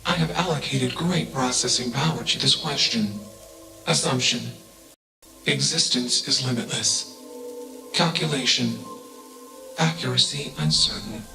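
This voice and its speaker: An emotionless, gravelly machine mind. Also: male voice, mid-range voice, a little slow, pauses often. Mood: cold, logical. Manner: flat, emotionless, clipped speech that labels each statement. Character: emotionless male machine intelligence, coldly logical. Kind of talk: video game cutscene voice acting. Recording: echoey game audio over music.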